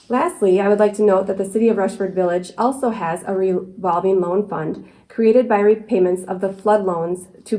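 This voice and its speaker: Softly mellow woman reading scripted community news. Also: mid-range voice, poor audio.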